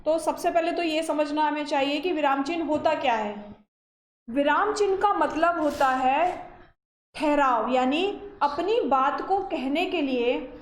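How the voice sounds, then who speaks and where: A woman's voice: high-pitched, a little slow. A woman teacher giving a grammar lecture, explaining step by step and checking in often with her listeners. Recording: echoey room.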